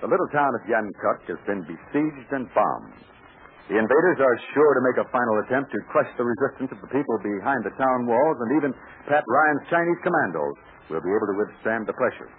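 A man's voice: medium pitch, expressive, fairly quick. A man with an American accent announcing and narrating an old radio adventure serial, with an emphatic, showmanlike delivery. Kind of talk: old-time radio announcer, scripted narration and sponsor pitch. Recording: scratchy 1940s radio recording, narrow band.

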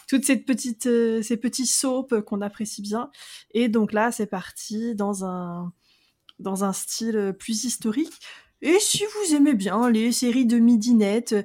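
A woman's voice: mid-range voice, a little mellow. A woman co-hosting a podcast, chatting casually about a TV series with hesitant fillers. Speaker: podcast co-host. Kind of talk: casual chat.

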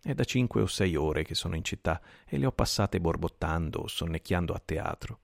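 A man's voice: low voice, expressive, brisk, vocal fry, no echo, studio quality. A man voicing a cheerful, cordial young male Oxford student who talks in a breezy, affectionate, teasing way. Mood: jovial.

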